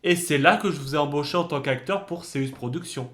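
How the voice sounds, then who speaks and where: A man's voice: a little high, brisk, a bit bright. A man acting as interviewer in a comic mock interview, politely formal but teasing.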